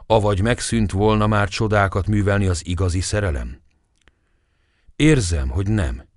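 A man's voice: fairly low pitch, no room sound, clean studio sound, lightly acted. A man voicing a serious, earnest young man in love in an audiobook, speaking solemnly.

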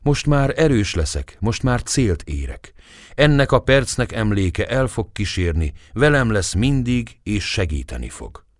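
A man's voice: on the low side, big pitch swings, no room sound, clean studio sound. A man voicing a serious, earnest young man in love in an audiobook, speaking solemnly.

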